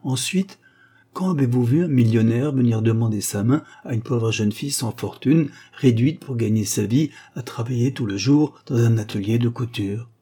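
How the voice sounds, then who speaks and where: A man voicing a cheerful, modest young seamstress who teases gently. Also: mid-range voice, normal speed, breathy edge, lightly acted. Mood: cheerful, scolding.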